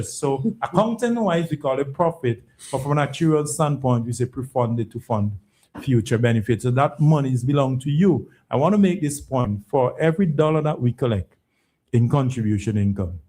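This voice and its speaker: Guy on a phone-in explaining policy, average pitch, stresses points, keeps checking you follow. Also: warm tone. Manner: emphatic, repeats words, checks with "right?". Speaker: pension fund chief executive, programme guest.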